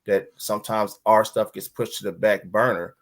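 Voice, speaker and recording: Man, deeper voice, moderator of a church panel; halting delivery. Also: fairly even intonation. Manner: hesitant, many fillers. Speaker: discussion moderator.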